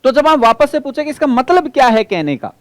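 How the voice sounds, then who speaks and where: A male teacher giving an exam-prep lecture, explaining by repeating points, asking the class questions and drawing key terms out slowly. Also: very high-pitched, very animated, no echo.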